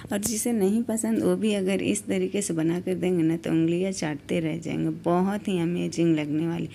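Gravelly-voiced woman explaining a recipe. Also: lowish voice, dark tone, a little hiss or hum. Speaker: home cooking channel host. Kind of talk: step-by-step recipe voice-over.

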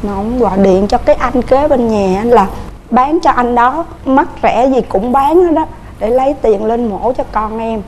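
A woman with a Southern Vietnamese accent, a guest on a TV couples show, telling her family story quickly and earnestly in a studio. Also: fairly high pitch, slight background noise. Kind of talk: emotional personal storytelling.

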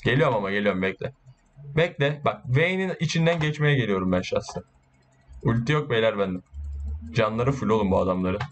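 Excitable man commentating his own gameplay. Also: lowish voice, brisk, slight background noise. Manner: excitable, swearing, boastful banter with teammates. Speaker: gaming YouTuber.

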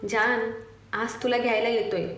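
A loving, confident young husband in a romance audiobook, as a woman storyteller voices him. The voice sits fairly high for the part. The room is echoey, with soft music behind. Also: level tone, normal speed, distant mic, natural voice. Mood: tender. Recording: roomy echo with faint music behind.

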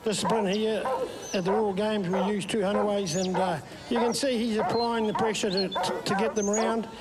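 A male co-commentator with a New Zealand accent explains the action as it happens. His voice is high for a man and rings with echo outdoors, amid heavy crowd noise and barking. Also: steady tone, normal speed. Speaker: expert co-commentator. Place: outdoor arena in a city square. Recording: echoey outdoor public address, loud crowd, barking.

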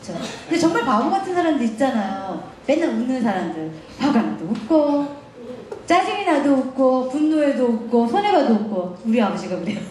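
Brief: middle-aged woman lecturer, lively and laughing, higher voice, echoey hall. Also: normal speed. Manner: animated storytelling, laughing often. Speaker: guest lecturer.

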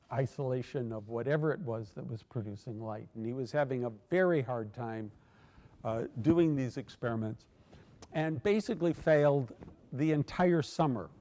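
An older man with a medium-pitched, dark-toned voice delivers a keynote academic lecture into a podium microphone in a large hall. He tells a story full of fillers and restarts.

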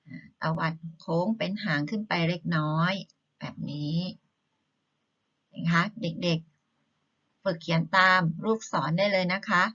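A woman primary school teacher explaining gently to young children, with polite soft sentence endings. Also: on the low side, slow pace, pauses often. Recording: slightly dull lo-fi recording.

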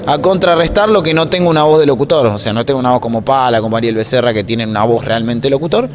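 In a noisy block-walled room at a racetrack, a man in his twenties with an Argentine accent chats casually as an interview guest; he works as a racing announcer and workshop mechanic. His mid-range voice moves fast, picked up by a handheld microphone held toward him. Ambient noise is clearly audible.

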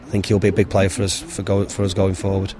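Man in his thirties, football manager, low even delivery, frank post-match talk into a handheld mic outdoors. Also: fast. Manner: frank, plain-spoken, many ums and restarts. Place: outdoors beside a football pitch. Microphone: handheld interviewer mic held to him.

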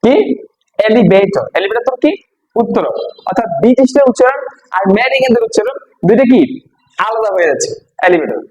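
High-voiced man drilling vocabulary. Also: animated, brisk, long pauses, poor audio. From Bangladesh. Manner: repeats each word and quizzes listeners with questions. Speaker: English teacher. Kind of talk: classroom-style vocabulary lesson.

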